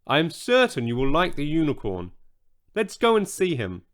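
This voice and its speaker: A man's voice: a little high, wildly swooping pitch, moderate pace, fairly bright tone. A man voicing a poised young English woman who is secretly a witch in a children's story. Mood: polite. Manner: crisp and decidedly English.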